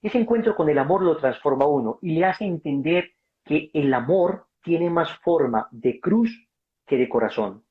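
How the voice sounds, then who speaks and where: A man speaking at normal speed in a voice on the high side, animated throughout, answers questions on a video call like a preacher. He's emphatic, acts out bits of dialogue, and refers to the listener as brother, all captured in dull, lo-fi call audio.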